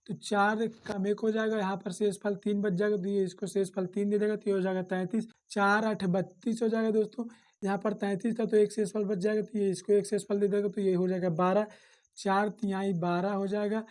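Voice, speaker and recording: A woman teaching a maths lesson one step at a time. Her voice sits at an ordinary middle pitch, and her delivery is patient and repetitive. She keeps addressing her viewers as friends. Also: a little mellow. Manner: repetitive, calls listeners "friends" often.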